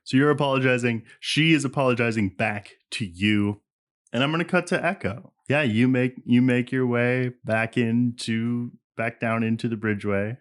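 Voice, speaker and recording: A man narrating as game master in relaxed, descriptive casual speech, calling for dice rolls. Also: medium pitch, normal speed.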